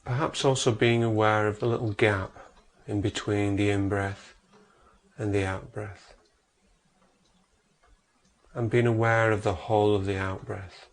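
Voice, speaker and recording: Leading a guided meditation, this man talks very slowly in a fairly low voice with fairly even intonation, pausing at length between his measured instructions.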